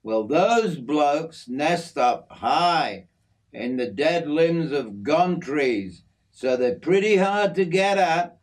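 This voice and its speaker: Doing a storybook character voice, a man plays a proud, friendly, middle-aged Aussie working bloke, raising his pitch slightly above his own and using a broad, slangy, matey Australian drawl with lively intonation. He takes his time, like a father in a story showing off his backyard.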